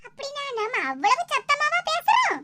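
A woman voicing a loud, cheeky young wife in an animated cartoon, speaking with a Kanyakumari Tamil accent in a playful manner. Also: very high voice, normal speed, over loud music.

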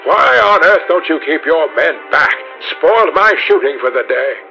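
A man voicing a brusque aristocratic huntsman who speaks in loud, blustering exclamations. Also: a little high, normal speed, dull audio, soft background music. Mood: angry.

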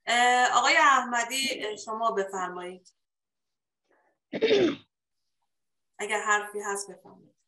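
A woman hosts a poets' round table in a bright, clear voice, hesitating politely as she hands over to each guest. She sounds like she is in a roomy space. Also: fairly high pitch, expressive, long pauses. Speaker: host.

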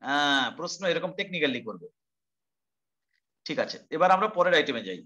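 A man's voice: a little high, expressive, brisk, bright, forceful tone. A male teacher giving an online class lecture, explaining step by step, repeating terms and asking rhetorical questions.

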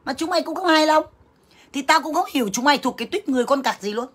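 Rapid-fire and fairly bright, her high voice drives an angry livestream rant. She addresses viewers as sisters, cursing and scolding them in a crude, confrontational manner.

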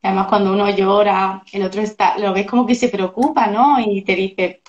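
A woman's voice: medium pitch, fairly even intonation, fairly quick, reverberant, muffled recording. A woman, a family coach as a guest in a casual interview, talking reflectively and often asking "no?". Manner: agreeable, reflective, frequent tag questions. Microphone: video call.

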